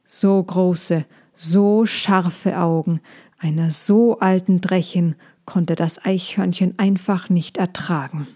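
A woman reading a children's story aloud in a calm, unhurried manner. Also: lowish voice.

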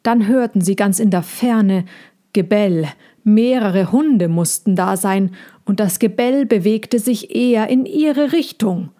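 A woman reading a children's story aloud in a slow, hushed, suspenseful way. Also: mid-range voice. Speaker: narrator.

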